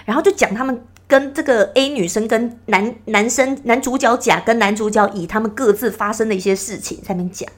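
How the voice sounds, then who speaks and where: A woman's voice: fairly high pitch, a little fast, hardly any pauses. A woman hosting her own podcast, talking in an earnest, advising way and acting out little scenes as she retells them. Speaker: podcast host. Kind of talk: casual reflective monologue.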